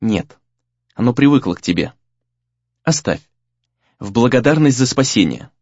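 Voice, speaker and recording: A man's voice: medium pitch, sing-song, moderate pace, a little mellow, dry recording, lo-fi sound. A man voicing a wary, serious young female temple apprentice who speaks in an anxious, hesitant way in an audiobook.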